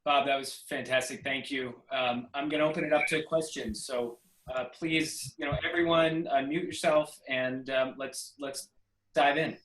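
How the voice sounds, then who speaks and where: A man's voice: medium pitch, fairly even intonation, normal speed, fairly bright tone. A man hosting a webinar and opening it up to questions, brief and a little hesitant. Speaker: webinar host. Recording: roomy, distant, faint noise.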